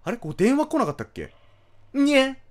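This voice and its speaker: A man commentating a horror game let's play, jumpy, yelping and shouting at the scares and talking back to the screen. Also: sits high, huge pitch swings, racing. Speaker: game streamer.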